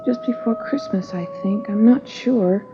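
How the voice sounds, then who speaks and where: Faint music plays behind a fairly high-pitched, warm female voice as an actress, lightly acting, takes on the role of an anxious, earnest teenage schoolgirl. She answers police questions unhurriedly, hesitant and chatty, in the manner of 1950s radio drama, heard through a dull, hissing old broadcast.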